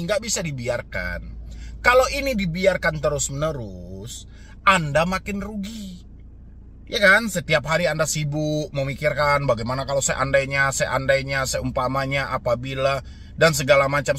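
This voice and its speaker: Animated man giving a motivational pep talk. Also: high voice, a little hiss or hum. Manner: repetitive, rhetorical, coaxing, lots of filler tags. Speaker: debt advice channel host. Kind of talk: motivational monologue to viewers.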